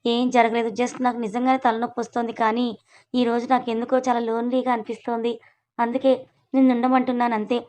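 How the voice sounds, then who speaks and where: In a storybook reading, an anxious young woman begs her friend to stay, her worry barely hidden, as a woman narrator puts her on. The voice is quick and fairly high with a flat, even contour. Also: natural voice. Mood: pleading. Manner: pleading, then snappish.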